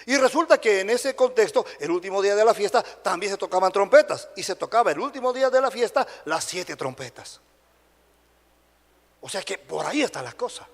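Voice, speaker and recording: A man's voice: sits high, brisk. A man with a Dominican Spanish accent preaching a sermon to a congregation, often checking in with short questions like "right?". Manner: animated preaching, frequent tag questions to the congregation. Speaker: pastor. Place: church sanctuary. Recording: long hall reverb.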